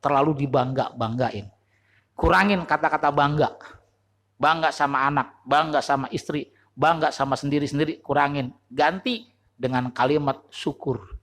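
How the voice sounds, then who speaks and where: A male Islamic preacher, giving a sermon at a mosque in a lively, joking, self-mocking way, jumping between high emphatic lines and low quiet ones. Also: normal speed.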